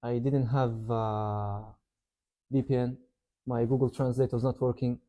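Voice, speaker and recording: A man's voice: medium pitch, unhurried, dull audio. A young man from Yemen, raised in Saudi Arabia, chatting casually as an interview guest, full of "like" and "you know.". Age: young adult. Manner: relaxed, rambling, many "like" and "you know" fillers. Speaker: interview guest, university student.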